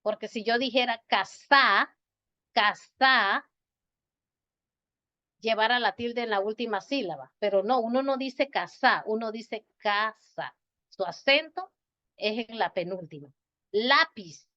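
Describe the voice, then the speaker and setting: A woman teacher giving an online grammar lesson, speaking slowly and patiently and repeating words to stress their syllables. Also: on the high side. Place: home or office on a video call. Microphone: video call. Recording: dull, lo-fi video call audio.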